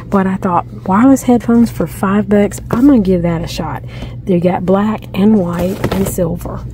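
Holding a phone camera pointed at her hands, a middle-aged shopping vlogger narrates a casual shop-with-me trip through a large discount store. Her medium-pitched voice is chatty and she thinks aloud, getting excited over finds. A little hiss or hum sits under the audio.

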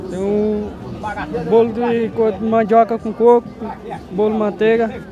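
A man's voice: high-pitched, level tone, measured pace, phone-quality sound, crowd noise. A man helping at a cake stall, giving plain, brief answers about prices. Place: outdoor street market.

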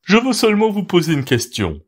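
A man's voice: sits high, wildly swooping pitch, voice pushed up, full character voice. A man doing a vain pompous owl. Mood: wheedling. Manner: pompous, drawn-out and wheedling. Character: vain pompous male owl, proud and quick to anger.

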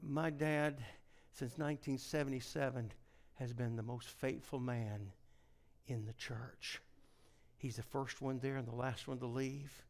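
A middle-aged man preaching a revival sermon, telling folksy stories and swinging from hushed near-whispers to shouted climaxes. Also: mid-range voice, steady tone, unhurried.

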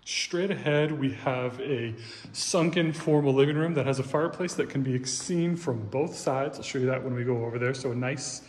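Here the voice is medium-pitched, a little mellow and at normal speed: a man narrating a relaxed, upbeat house tour as a real estate agent. He points out features while moving through a large empty home, where the audio echoes and faint room noise lingers.

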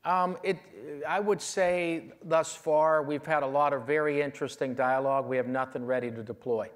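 A man in his fifties, a keynote speaker, answering audience questions with measured confidence and frequent fillers on a large conference stage, on a lapel mic. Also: a little high, steady tone.

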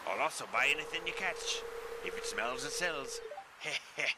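A man's voice: mid-range voice, expressive, moderate pace, heavy background noise, voice pushed up, close to an everyday voice. A man voicing a jovial, folksy old fisherman with a pirate air, reading out video game dialogue. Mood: hearty, jovial. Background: game music.

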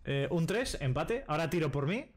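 A young Spanish man chats casually on a home live stream from a small room while playing a card game, thinking out loud and tossing "vale" into almost every sentence. His voice is fairly high and sing-song, and he talks fairly quickly into a desk mic with a headset.

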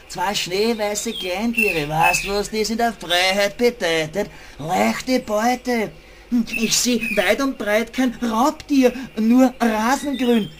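A man's voice: high-pitched, noisy background. A man voicing a cocky, insulting male lab rat with a Viennese accent, talking in a sneering, bossy way.

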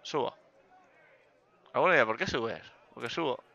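A man giving joking, self-mocking commentary over a poker game, with bursts of loud excitement. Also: medium pitch, moderate pace, creaky, muffled recording. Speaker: gaming youtuber.

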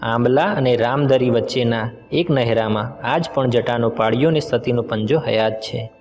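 A man's voice: mid-range voice, moderate pace, darkish tone. A man narrating a folk tale in a dramatic storytelling manner, voicing the characters' exclamations. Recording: echoey reverberant room with music behind.

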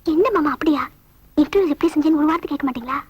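Woman, very high voice, teasing scolding film dialogue, dry sound. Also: racing, darkish tone, no echo. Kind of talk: Tamil film comedy dialogue.

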